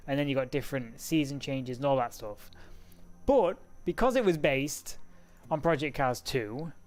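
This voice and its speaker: A man live-streams a racing sim, chatting casually and talking to himself as he clicks through menus, laughing often. He has a mid-range voice.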